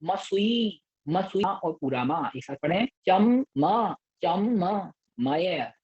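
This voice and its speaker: A male scripture teacher leading a pronunciation class, reciting each word of a verse slowly and twice, with brisk instructions in between. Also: sits high, expressive, darkish tone, lo-fi sound. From Madhya Pradesh, India. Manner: brisk spoken instructions between the chanted words.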